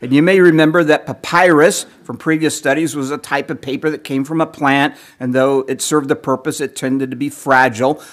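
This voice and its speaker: A man giving a teaching sermon, lecturing in a measured way, clearing his throat often as he is losing his voice. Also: mid-range voice, steady tone. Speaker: preacher.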